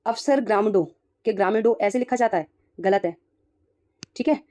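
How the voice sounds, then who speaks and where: A woman's voice: medium pitch, normal speed, mellow. A woman teacher working through exam questions one by one and explaining each answer, often putting rhetorical questions to herself and confirming with "ठीक है.".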